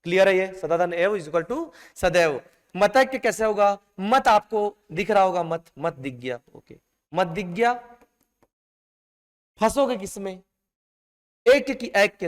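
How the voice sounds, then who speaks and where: A man with a high-pitched voice teaches a classroom lesson at an unhurried pace. He stretches out each stressed word for emphasis. The recording carries a long, ringing reverb from the room. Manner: emphatic, drawn-out stressed words, addresses students as "beta". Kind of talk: classroom lecture.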